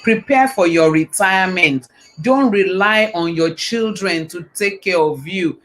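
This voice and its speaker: A woman's voice: on the low side, unhurried, soft background music. A woman hosting a live online talk show, enthusiastic and affirming as she sums up and asks questions. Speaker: host.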